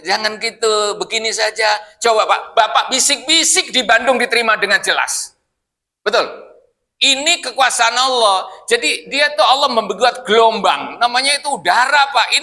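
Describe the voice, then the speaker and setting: Mosque teacher, male, high sharp voice, chatty style that keeps quizzing the room. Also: expressive, moderate pace. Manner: chatty, quizzes listeners as "Pak". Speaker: Islamic teacher leading a Quran study. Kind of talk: casual mosque study talk.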